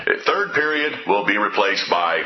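A man playing a school principal making announcements over a school intercom, drawling and halting with many uh's. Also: fairly low pitch, big pitch swings, a loud crowd. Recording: echoey, dull, noisy PA sound.

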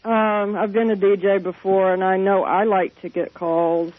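A man's voice: high-pitched, little pitch movement, measured pace, dry recording. A man chatting casually as a caller to a radio show. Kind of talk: casual chat. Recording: tinny phone line.

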